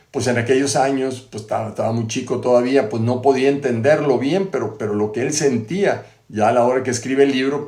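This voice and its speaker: Male host, chatty storyteller with many tag questions, middle pitch, echoey room. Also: darkish tone. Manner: conversational, frequent tag questions and restarts. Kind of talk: storytelling biography retelling. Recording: roomy echo.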